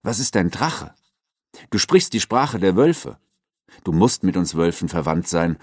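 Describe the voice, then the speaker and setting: A man reading aloud and voicing a wounded male wolf, leader of his pack, who talks calmly and reassuringly. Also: low voice, unhurried, dry recording, exaggerated voice. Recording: dry close recording.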